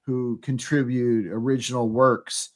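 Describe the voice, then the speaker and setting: A man's voice: mid-range voice, flat delivery, unhurried. A man co-hosting a podcast in casual chat, rambling with lots of fillers and frequent laughter. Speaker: podcast co-host.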